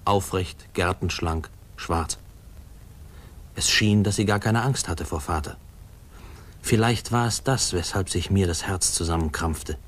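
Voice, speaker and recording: In the measured style of 1950s radio drama narration, a low-voiced adult man recalls his childhood. His tone is wistful and reflective.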